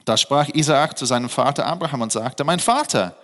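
A man's voice: mid-range voice, fairly quick, fairly bright tone, long reverb tail. A man preaching a sermon, mixing scripture reading with emphatic explanation and rhetorical questions to his listeners. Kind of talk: sermon, Bible teaching.

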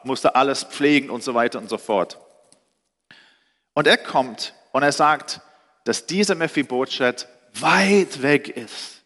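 A man preaching a sermon, retelling a scripture story in an animated, storytelling way with shifting pace and pitch. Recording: reverberant hall.

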